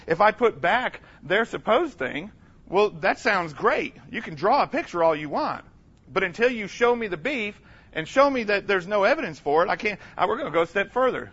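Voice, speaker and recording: A man giving an energetic, humorous conference lecture, emphatic and calling out to the audience for responses. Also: high-pitched, slightly rough, highs cut off. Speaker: conference speaker.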